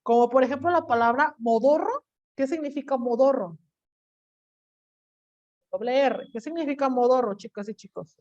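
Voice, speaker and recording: A woman teacher giving a classroom lecture in a lively way, acting out quoted voices and asking the class questions. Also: sits high, moderate pace, pauses often. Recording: dull lo-fi recording.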